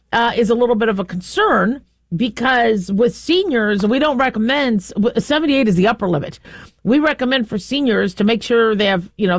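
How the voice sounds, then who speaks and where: A woman's voice: fairly high pitch, no echo, studio quality. A middle-aged woman from the American Southwest with an American accent, hosting a talk radio show in a casual, rambling, outspoken monologue. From southwestern United States.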